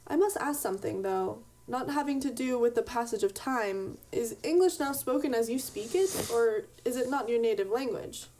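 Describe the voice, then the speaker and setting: A woman's voice: fairly high pitch, lively intonation, darkish tone, distant mic, slight background noise, natural voice. A woman reading as a bewildered revived man. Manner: halting, anxious questions.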